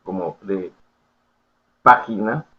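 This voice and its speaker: A man's voice: deep voice, slow pace, slight background noise. A man giving an academic lecture, explaining step by step and often checking in with his students. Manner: explanatory, full of checking questions and fillers. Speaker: university lecturer. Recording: tinny phone-like audio.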